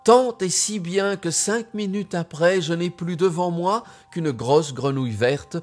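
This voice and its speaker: A man reading a children's tale aloud with expressive, deliberate delivery. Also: high-pitched, faint music behind. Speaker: storyteller.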